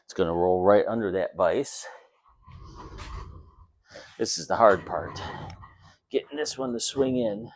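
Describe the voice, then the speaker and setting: A man's voice: deep voice, animated, unhurried, pauses often, no echo. A man giving a casual, plainspoken demonstration in a home garage workshop, talking informally while he works. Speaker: DIY video host.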